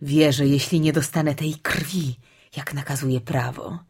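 A woman's voice: low voice, steady tone, a little mellow, breathy edge, exaggerated voice. A woman voicing a cruel, gloating witch queen who drawls her words and breaks into shrieks. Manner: mocking, drawn-out, sudden shrieks.

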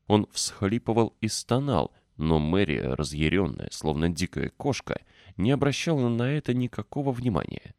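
A man narrating an audiobook in an expressive storytelling manner. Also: lowish voice, moderate pace, vocal fry, dry recording, studio quality. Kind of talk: scripted narration.

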